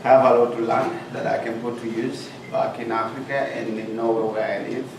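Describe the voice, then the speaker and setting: Speaking a little fast in a level, creaky mid-range voice, a Ugandan man addresses a club meeting room as a guest, recounting his life in an earnest, straightforward way. The recording is distant, noisy and full of hall echo.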